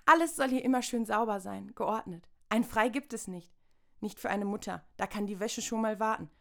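A woman's voice: medium pitch, moderate pace, gravelly, fairly bright tone. A woman from Saxony-Anhalt in a satirical stage monologue, prim and self-important, lecturing. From Saxony-Anhalt, Germany.

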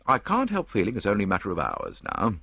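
A blunt, cocksure police inspector, as a man reads him. He sounds low and husky. The recording is close and dry. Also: huge pitch swings, quick pace, bright, forceful tone, no echo, heavily acted. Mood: cheerful. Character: brash, cheerful Scotland Yard inspector, man.

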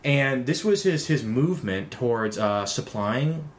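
A man's voice: mid-range voice, expressive, measured pace. A man co-hosting a comedy podcast, riffing in a playful, goofy way. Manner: playful, goofy, breaks into mock king voices. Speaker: podcast co-host.

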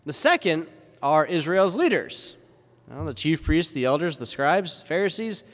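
A man with a high-pitched, somewhat bright voice preaches at a measured pace with big swings in pitch, reading the Gospel and giving a conversational homily. He uses rhetorical questions and informal asides, and the large church interior gives the recording a cathedral-like echo with long reverb.

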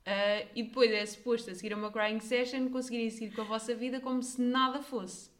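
Young female podcast co-host, European Portuguese accent, quick and emphatic, echoey room. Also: fairly high pitch, fairly even intonation. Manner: emphatic, opinionated, playful. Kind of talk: casual chat.

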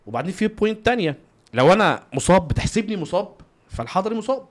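A man with an Egyptian Arabic accent speaks at a very rapid pace in a slightly high voice. He tells stories as an interview guest in casual talk, often slipping into quoted dialogue to act them out. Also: sing-song. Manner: acts out dialogue and sound effects. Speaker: footballer guest, goalkeeper. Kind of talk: animated anecdotal interview talk.

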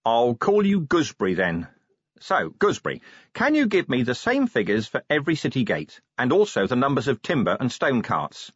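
A man's voice: medium pitch, wildly swooping pitch, moderate pace, breathy edge, no echo, pitched above the performer's own voice. Man doing a brusque, weary watch commander. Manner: brusque, dry, matter-of-fact. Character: gruff weary middle-aged male city watch commander. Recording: dull dry studio recording.

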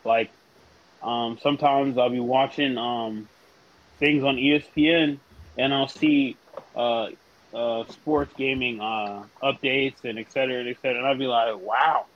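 A man co-hosting a casual podcast chat, animated and playful. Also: mid-range voice, unhurried, lo-fi sound. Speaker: podcast co-host.

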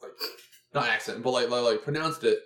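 A man's voice: mid-range voice, a bit bright. A man tells a rambling story with jokes as he co-hosts a casual podcast. His voice sits in a middle range. The sound has a noticeable room echo. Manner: storytelling, joking, quick to laugh. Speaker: podcast co-host. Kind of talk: casual chat.

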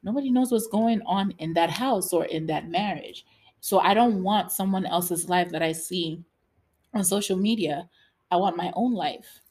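Lower-voiced young woman co-host. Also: moderate pace, darkish tone, husky. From United States. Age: 20s. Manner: reflective, supportive backchannels. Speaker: podcast co-host. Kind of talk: casual chat.

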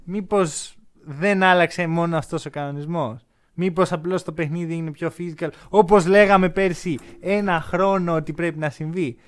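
A man co-hosting a podcast, chatting casually and with strong opinions about basketball, telling lively stories. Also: on the high side, smooth. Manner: animated, opinionated, lively storytelling. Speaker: podcast co-host.

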